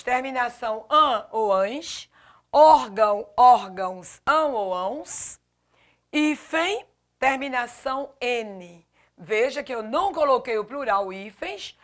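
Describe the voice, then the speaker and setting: A woman teaching a grammar lesson. She talks slowly and deliberately in a slightly high voice. She spells out letters one by one and stresses each example word. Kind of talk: classroom lesson.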